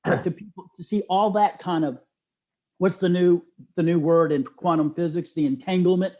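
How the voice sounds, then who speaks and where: His voice sits high and his pace is normal. The middle-aged interviewee spins stories in a casual, excited way, throwing emphasis onto the words of others he quotes.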